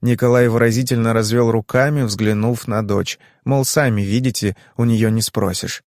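Narrator: male audiobook reader, even and measured. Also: mid-range voice, no echo, studio quality. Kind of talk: scripted narration.

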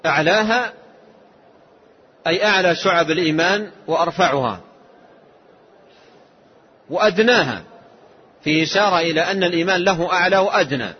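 A man with a husky, somewhat high voice teaches a religious lesson in a slow, measured way. He explains the text patiently, point by point. The recording sounds dull and lo-fi, like an old lesson tape. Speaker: Islamic scholar.

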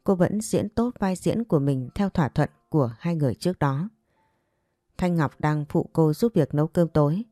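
Low-voiced woman narrating a story. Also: moderate pace, mellow, dry recording.

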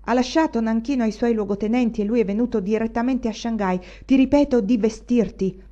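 A woman's voice: fairly high pitch, a little fast, mellow, highs cut off, lightly acted. A woman voicing a stern wealthy father, a banker who speaks in clipped, curt sentences.

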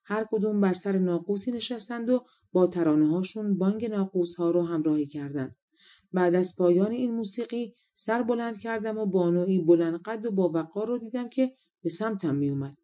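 A woman reads a fairy tale aloud in a calm storybook style. Her voice is very dark and mellow. She sits at middle pitch for a woman. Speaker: audiobook narrator. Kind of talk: storybook narration.

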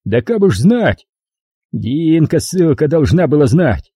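A man reading an audiobook, voicing a menacing drunk gang leader who snarls crude threats in a husky, dark voice. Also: on the high side, sing-song, a little slow, dry recording, clean studio sound, full character voice.

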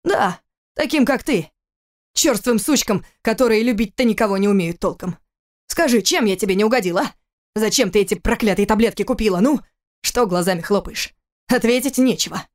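A woman's voice: mid-range voice, brisk, close to an everyday voice. A woman voicing a cold, furious adult husband in an audiobook, speaking in a harsh, clipped, contemptuous way. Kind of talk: audiobook character reading.

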